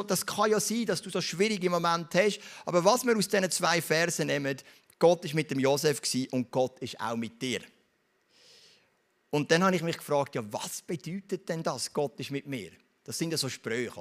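Swiss preacher with a raised voice. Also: male voice, a little high. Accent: Swiss German. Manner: storytelling, addresses listeners directly with questions. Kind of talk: sermon.

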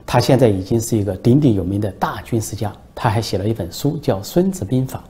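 A man's voice: on the low side, animated, quick pace, dark tone, lightly acted. A man voicing a proud old man of seventy-eight in a told joke, blunt and dismissive. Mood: blunt, boastful.

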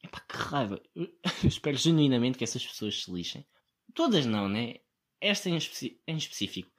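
A man's voice: mid-range voice, fairly quick. A young man with a European Portuguese accent, hosting a solo podcast in a rambling, sarcastic way. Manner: sarcastic, mocking impressions of others; rambling and animated. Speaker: podcast host. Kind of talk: casual solo podcast monologue.

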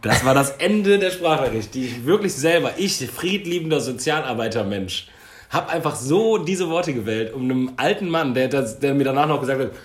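A man, a podcast co-host, chatting casually and telling an excited story, cursing freely. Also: medium pitch, normal speed, slight background noise. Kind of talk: casual chat. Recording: roomy echo.

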